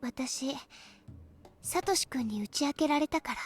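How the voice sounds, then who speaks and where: A woman's voice: sits high, animated, a little fast. A woman playing a mysterious, sweetly smiling yet unsettling teenage girl in a Japanese visual novel. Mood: soft, knowing.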